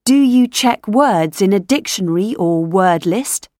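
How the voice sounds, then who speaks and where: A woman reading scripted questions for a language lesson recording, enunciating each one clearly. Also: medium pitch, expressive, unhurried, warm tone, dry recording, clean studio sound. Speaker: language textbook audio narrator.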